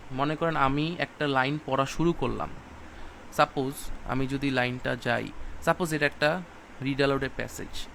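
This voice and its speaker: A man's voice: on the high side, a bit bright, slight background noise. A man giving a recorded PTE class, explaining step by step and repeating key points, with English terms mixed into his speech. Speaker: PTE exam teacher.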